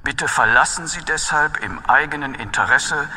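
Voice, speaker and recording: A man voicing a serious, official railway announcer with a flat, formal delivery. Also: on the high side, moderate pace.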